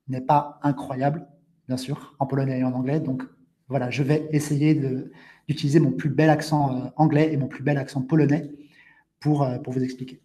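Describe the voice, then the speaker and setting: A man hosting a live online language webinar, explaining things slowly with frequent restatements and talking to viewers in the chat. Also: on the high side, warm tone. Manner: interactive, addresses viewers in the chat. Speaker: French teacher hosting a webinar.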